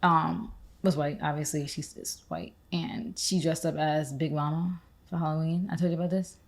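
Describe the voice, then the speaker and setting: A woman's voice: deep voice, steady tone, moderate pace. A young woman co-hosting a podcast, talking in a casual, rambling way with lots of "like" fillers. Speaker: podcast co-host. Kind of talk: casual conversational chat.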